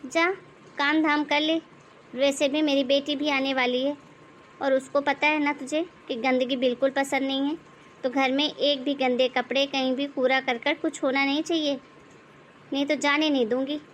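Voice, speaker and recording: A woman's voice: sits high, level tone, normal speed, fairly bright tone, slight background noise. A woman playing a bossy mother-in-law, taunting. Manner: taunting, commanding, sarcastic. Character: bossy middle-aged mother-in-law, scolding and mocking. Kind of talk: animated moral story voice acting.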